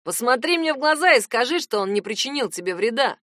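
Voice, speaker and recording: A woman voicing a nosy, hotheaded young male cousin who keeps pressing with loud, insistent questions. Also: a little high, lively intonation, brisk, no room sound, clean studio sound, pitched above the performer's own voice. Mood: angry, protective.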